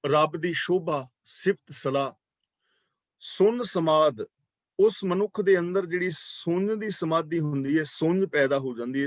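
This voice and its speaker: Calm religious teacher guy, chants verses slow then explains, bit high voice, dry close sound. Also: no echo. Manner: calm, measured, repeats key words for emphasis. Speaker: Sikh scripture teacher. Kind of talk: scripture exposition class.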